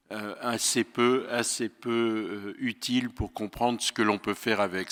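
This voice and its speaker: An older man gives a talk in an auditorium, his low but bright voice ringing through a long reverberation. He hesitates often and searches for his words, with a touch of dry irony. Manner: thoughtful, hesitant with frequent fillers, wry humor. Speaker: guest lecturer. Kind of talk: public lecture, paraphrased from notes.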